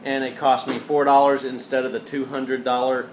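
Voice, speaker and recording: A man with a mid-range, fairly flat voice gives an informal, hands-on mechanical tutorial at a moderate pace, walking through each step in plain language. The recording has a roomy echo and clearly audible background noise.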